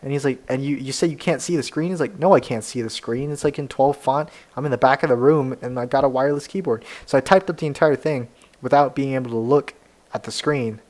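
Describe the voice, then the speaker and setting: A man's voice: medium pitch, brisk. Young man telling a story, acting out both sides. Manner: animated storyteller, acts out both sides of a dialogue; frequent laughter, repeats and restarts words. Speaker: podcast co-host. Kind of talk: casual chat.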